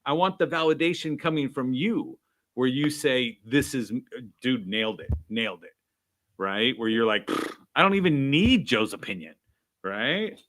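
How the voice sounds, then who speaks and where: Animated man acting out stories. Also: medium pitch, moderate pace. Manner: animated, acts out quoted dialogue; fillers like "right?" and "I'm like". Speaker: guest, sales trainer. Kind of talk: casual interview storytelling.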